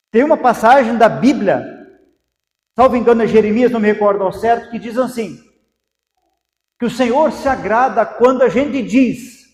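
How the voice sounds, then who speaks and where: A man's voice: high voice, darkish tone. A man with a Brazilian Portuguese accent preaching a sermon as pastor, asking repeated rhetorical questions. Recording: echoey hall with long reverb.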